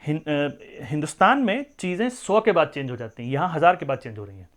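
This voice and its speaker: Speaking a little fast in an expressive voice on the high side, a male maths teacher walks the class through each step. He slips English number words into his lecture and often checks that his students are following.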